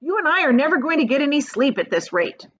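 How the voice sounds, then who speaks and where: A woman's voice: sits high, very animated, fast talker, fairly bright tone, muffled recording, slight background noise, pitched above the performer's own voice. A woman voicing a bossy, impatient, grumpy male centipede in a children's storybook. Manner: impatient, commanding.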